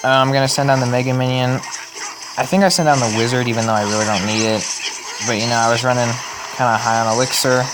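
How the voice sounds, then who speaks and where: A young man giving casual, rambling commentary on a mobile game replay, correcting himself as he goes, his voice worn and going hoarse. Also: mid-range voice, fairly even intonation, fast talker, over loud music, low-quality recording. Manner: rambling, self-correcting, chatty. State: losing his voice. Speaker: gaming channel host.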